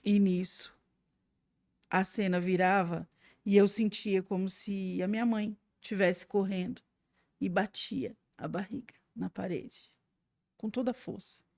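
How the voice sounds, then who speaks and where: A woman's voice: medium pitch, fairly even intonation, measured pace, no room sound, studio quality. Brazilian woman telling an emotional testimony. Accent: Brazilian Portuguese. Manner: vivid storytelling, swinging between hushed and loud. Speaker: guest sharing a testimony.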